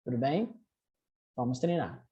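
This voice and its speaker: Mellow Brazilian teacher explaining grammar. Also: mid-range voice, lively intonation, muffled recording. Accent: Brazilian Portuguese. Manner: patient, explains step by step and checks in often; reads English drill sentences slowly and clearly. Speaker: English teacher. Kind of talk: recorded language lesson.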